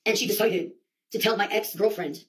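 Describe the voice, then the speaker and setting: At a moderate pace and medium pitch, a woman tells a rambling, comedic monologue with a theatrical flair, lots of slang and swearing, and outbursts she quotes aloud.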